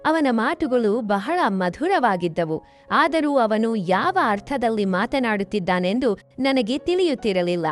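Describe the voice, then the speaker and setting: A woman storyteller reading a scripted first-person family story in a steady storytelling delivery, with faint music behind. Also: fairly high pitch, unhurried.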